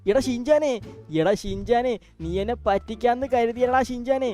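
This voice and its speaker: ഒരു സ്ത്രീ, പെട്ടെന്ന് ദേഷ്യപ്പെടുന്ന, ഭരിക്കുന്ന ഒരു യുവാവിനെ അവതരിപ്പിക്കുന്നു; ശകാരിച്ചും പേര് വിളിച്ചും സംസാരിക്കുന്നു. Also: female voice, on the high side, moderate pace, soft background music, natural voice. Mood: scolding. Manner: scolding, shouting names. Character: bossy young man, quick-tempered older-brother type.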